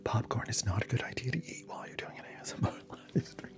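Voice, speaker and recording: A man's voice: mid-range voice, expressive, fast talker, music in the background. A man whispering casually through an ASMR livestream, chatting with viewers and answering their comments between snacks.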